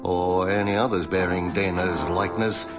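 A low-pitched man's voice from an actor as a cool, sardonic rebel tech expert in a sci-fi audio drama. He is dry, precise and commanding, with loud music behind him. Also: level tone, normal speed, natural voice. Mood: intent, precise.

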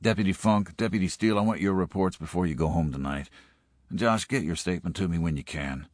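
A man voicing a gruff, weary middle-aged small-town sheriff giving orders. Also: deep voice, fairly quick, no echo, clean studio sound, natural voice. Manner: gruff, commanding.

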